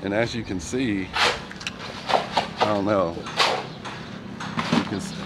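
Slow, deep-voiced man on a walking tour. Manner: rambling, conversational, fillers like "you know". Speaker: vlogger giving a property tour. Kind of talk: casual walking-tour narration. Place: outdoors on a street and yard in the sun. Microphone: handheld phone camera. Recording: outdoor phone recording with clear background noise.

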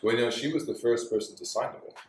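A man's voice: medium pitch, fast talker, darkish tone, a little hiss or hum. A man in his forties, an interview guest who owns a bar and dojo, talking in an easygoing way with lots of fillers and laughs, recorded from a distance in a small bar. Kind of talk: relaxed conversational interview. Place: small bar with signed walls, indoors. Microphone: far camera in the room. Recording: echoey room from a distance.

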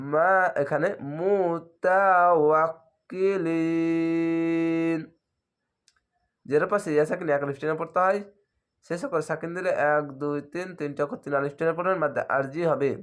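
A man teaching Quran reading, drawing out each word slowly in a chant, then explaining the rules in quick plain speech. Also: a little high, steady tone, clear, resonant tone. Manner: drawn-out chanting of words between quick explanations. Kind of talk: slow spelled-out recitation lesson.

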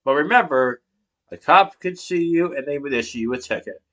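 Giving a persuasive speech for class, a student in a small indoor room talks into a laptop webcam from below, partly reading his notes. His bright voice is a little high, with lively intonation and a moderate pace, and he makes rhetorical questions and emphatic hand gestures.

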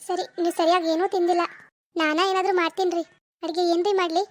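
A woman voicing a gentle young village wife in a cartoon, with a North Karnataka accent and a soothing, reassuring manner. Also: extremely high pitch, little pitch movement, a little fast, no room sound, clean studio sound. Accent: North Karnataka Kannada.

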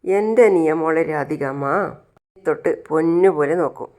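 A woman's voice: low voice, moderate pace, mellow, lightly acted. A woman voicing a scheming woman who is suddenly sweet and coaxing toward a young girl, in her own plain voice. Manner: coaxing, sugary.

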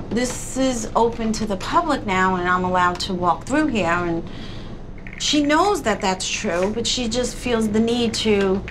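A woman's voice: on the high side, background noise. A middle-aged woman, a psychic medium, declaring her visions like a fortune teller as she walks through a space. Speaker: psychic medium, host of a haunting show. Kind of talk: spiritual reading while walking through a space. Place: old New York apartment building, city street at start. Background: background music.

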